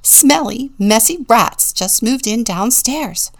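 A woman's voice: on the high side, lively intonation, slow, voice pushed up, heavily acted. A woman voicing a huffy, dramatic female pig in a storybook, with an indignant manner. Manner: huffing, indignant.

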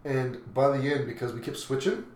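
A man co-hosting a casual podcast, talking in long rambling runs full of restarts. His voice sits at an ordinary pitch. The room is echoey with a faint hiss behind him. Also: fairly even intonation, normal speed, a little mellow. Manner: rambling, many restarts and fillers. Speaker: podcast co-host. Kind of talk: casual chat.

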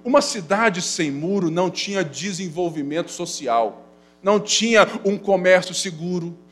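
High-voiced pastor preaching. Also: male voice, animated, normal speed. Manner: swings between loud urgent passages and low quiet asides, acting out quoted complaints. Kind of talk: sermon. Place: church.

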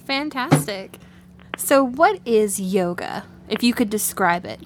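A woman's voice: medium pitch, animated, takes it slowly, noisy background. A woman interview host speaking in an informal, enthusiastic, conversational way. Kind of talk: conversational interview for young listeners.

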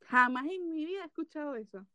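A woman's voice: sits high, animated, fast talker, pushed and bright, no echo. A young woman with a Venezuelan accent, chatting casually and insisting her answers count in a word game.

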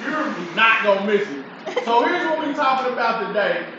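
A man's voice: very high voice, animated, moderate pace. A man, hosting a casual barbershop debate, playful and teasing, pressing with repeated questions. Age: 40s. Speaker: show host. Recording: roomy, distant, muffled and noisy.

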